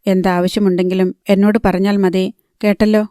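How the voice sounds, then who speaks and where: A woman's voice: mid-range voice, little pitch movement, brisk, mellow, no echo, clean studio sound, lightly acted. A woman narrator voicing an attentive young man who reassures a girl traveling with him, in an audiobook. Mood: reassuring. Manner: soothing, reassuring.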